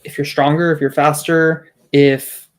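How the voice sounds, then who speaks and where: A man's voice: on the high side, level tone, measured pace. A man co-hosting a sports podcast in casual chat, emphatic as he argues his points, with frequent restarts. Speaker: podcast co-host.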